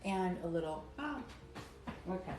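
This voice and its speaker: Cutting soap at her home workshop during a live stream, this middle-aged woman speaks a little slowly in a lowish, expressive voice. Her talk wanders casually, and she keeps chatting while chewing and working. Background noise is clear, and the room echoes.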